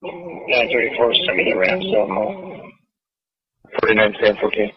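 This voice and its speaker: A man's voice: medium pitch, very animated, moderate pace, breathy edge, no echo. A man speaking as a police officer at a scene, giving clipped, businesslike calls over a walkie-talkie. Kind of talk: terse police radio calls. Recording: archival lo-fi police radio.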